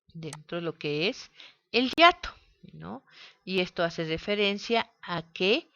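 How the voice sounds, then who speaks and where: A woman teaches a grammar lesson at a very unhurried pace, drawing out each syllable. Her voice sits a little low but sounds bright and clear. The recording is dry with a dull, lo-fi quality. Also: dry recording. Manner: slow, deliberate, spells out syllables.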